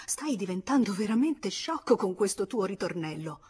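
A woman voicing an elegant young wife in a read novel, curt and indignant, with a husky voice. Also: on the high side, moderate pace, pitched above the performer's own voice, lightly acted.

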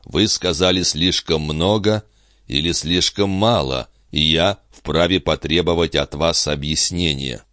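Low, insistent nobleman, bewildered and earnest, a male reader's voice. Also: measured pace, fairly bright tone, no echo, studio quality. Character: stunned nobleman count, man, earnest.

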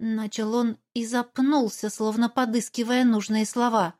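A woman's voice: a little high, flat delivery, a little slow, darkish tone. A woman giving a tense, dramatic first-person audiobook narration.

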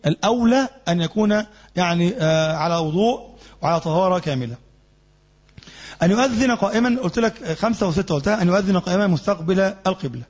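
Fast, high-voiced Egyptian sheikh teaching. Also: male voice, a little mellow, slightly rough, lo-fi sound. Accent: Egyptian Arabic. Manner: explanatory, asks the class rhetorical questions. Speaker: sheikh teaching Islamic jurisprudence. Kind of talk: classroom lesson.

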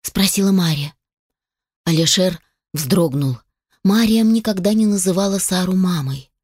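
A woman reading a fantasy audiobook as narrator in scripted narration, even and measured. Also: lowish voice, dry recording, studio quality.

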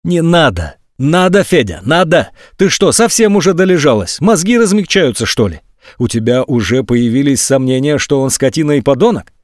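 A man's voice: mid-range voice, expressive, fairly quick, a little mellow, no room sound, studio quality, lightly acted. A man reading an audiobook, voicing a cold, blunt young woman who scolds her friend. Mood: scolding.

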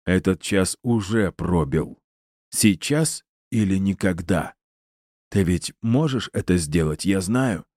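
A man's voice: low-pitched, expressive, takes it slowly, no room sound, clean studio sound, exaggerated voice. A man voicing a gleeful, cruel male villain who taunts his captive in a theatrical, mocking way. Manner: mocking, theatrical, rising to shouts.

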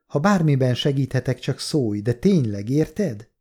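A man's voice: medium pitch, very animated, darkish tone. A man voicing a kind, chatty young female coworker who speaks in an eager, sympathetic way.

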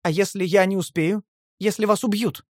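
A man's voice: fairly even intonation, normal speed, a little mellow, dry recording. A desperate young warrior son, voiced by a man, begs in a raised, strained voice. The audiobook sound is dry and close, with no room around it. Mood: desperate, pleading. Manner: pleading, raised pitch.

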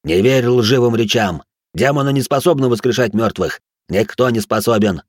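A man's voice: mid-range voice, moderate pace, no room sound, studio quality, natural voice. A man voicing a blunt male ex-soldier who speaks in a mocking, slangy way. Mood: scornful.

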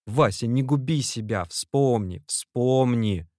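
A man's voice: lowish voice, unhurried, dry recording, studio quality, natural voice. A man voicing an anxious, devoted young male clerk who pleads and cries out to his friend. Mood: desperate. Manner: pleading, agitated, shouting.

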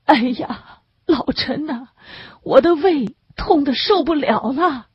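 A woman's voice: sits high, expressive, gravelly, dry recording, voice pushed up, heavily acted. A woman voicing a sick middle-aged male camp inmate who wails and chokes on tears as he speaks. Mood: wailing. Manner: wailing, choked with tears, drawn-out. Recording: dull lo-fi recording.

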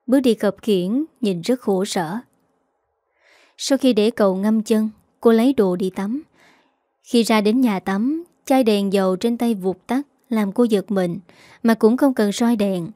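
A woman narrating a romance story in a calm, steady reading voice. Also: medium pitch, unhurried, dry recording, studio quality. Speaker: story reader.

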